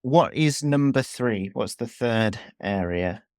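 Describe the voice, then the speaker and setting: A man hosting a podcast interview. He asks relaxed, thoughtful questions and often gives small affirmations. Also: mid-range voice, takes it slowly, dry recording, clean studio sound. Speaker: podcast host.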